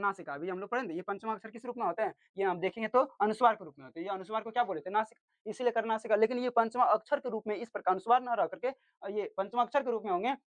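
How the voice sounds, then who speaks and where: A man's voice: high-pitched, a bit bright, dry recording. A male teacher giving a grammar lesson who keeps asking questions and answering them himself, repeating the key terms. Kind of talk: grammar lesson for exam students.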